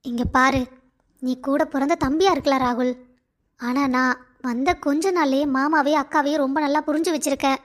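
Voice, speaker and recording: A woman's voice: sits high, steady tone, brisk, lightly acted. A woman voicing a worried, earnest young daughter-in-law in a cartoon story.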